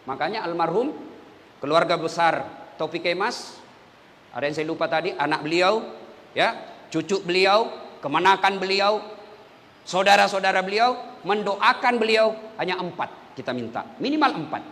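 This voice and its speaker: A man delivers an animated, emphatic sermon, dropping to soft asides. His voice sits very high and cuts through bright and sharp. It rings out with the long reverb of a large hall. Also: normal speed. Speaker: preacher.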